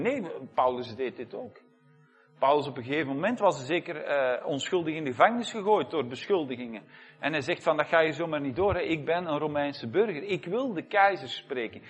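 A man preaching a sermon emphatically, dotting his phrases with amen and moving between loud and soft delivery. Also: fairly high pitch.

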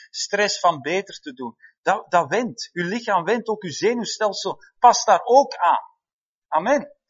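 A man preaching a sermon to his congregation, punctuating his points with "amen" and quick checks like "hè?". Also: high-pitched. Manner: lively, calls out "amen" and "hè?" to the congregation. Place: church hall before a congregation. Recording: dull, slightly lo-fi sound.

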